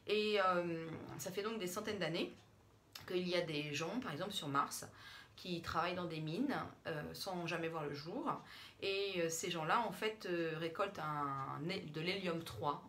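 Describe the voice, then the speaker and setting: A woman's voice: fairly low pitch, fairly bright tone, a little hiss or hum. A woman vlogger talking casually to her camera about books at home, hesitating often with fillers and restarts. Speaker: book vlogger. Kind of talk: casual book review to camera. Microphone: camera in front, she steps back from it.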